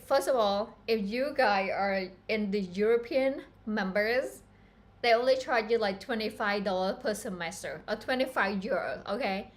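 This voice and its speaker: Slow-talking woman teaching. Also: mid-range voice. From Cambodia. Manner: chatty and earnest, addresses viewers as guys. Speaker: fashion pattern-making instructor. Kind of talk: casual live-stream tutorial.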